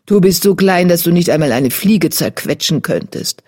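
A gruff nursing queen cat in an audiobook, as the reader plays her, spoken close to the narrating voice. Her voice is husky and breathy, and she sounds brusque and no-nonsense. The delivery is short and matter-of-fact. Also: medium pitch, lively intonation, normal speed, darkish tone, no echo, lightly acted. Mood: curt. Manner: curt, brusque.

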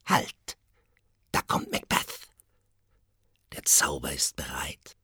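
A man's voice: very deep voice, huge pitch swings, slow pace, pushed and bright, husky, no echo, studio quality, full character voice. A man voicing a chorus of eerie witches in a sing-song, partly whispered chant.

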